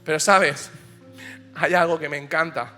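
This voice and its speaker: A male pastor preaching a passionate sermon in a church, swinging from hushed lines to shouts. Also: a little high, steady tone, unhurried. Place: church auditorium. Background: soft piano.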